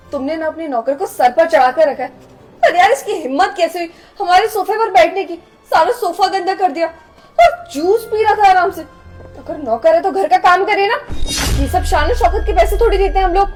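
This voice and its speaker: A haughty young woman, played by an actress, who scolds and sneers at the poor in a shrill, very high voice. She speaks in a melodramatic web skit style, with faint music under her lines. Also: normal speed, darkish tone. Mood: scornful. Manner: scolding, contemptuous, shrill outbursts. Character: snobbish, scornful young woman, rude to the poor. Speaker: actor in a short skit.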